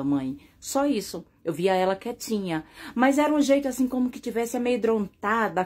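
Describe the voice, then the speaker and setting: A woman's voice: on the high side, a little mellow. Earnest Brazilian woman telling her story. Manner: earnest, addresses viewers directly, frequent tag questions. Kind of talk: confessional first-person testimony.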